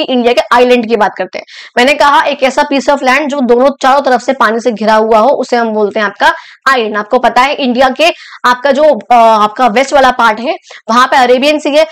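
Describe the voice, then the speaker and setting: A young woman teacher explaining a school geography lesson in a chatty way, often stopping to check that the students follow. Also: sits high. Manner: chatty, repeats and checks understanding.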